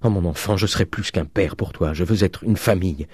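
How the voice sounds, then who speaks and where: A man voicing a frail old father who cries out in a high, strained voice. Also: brisk, a little mellow, breathy edge, no echo. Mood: frantic.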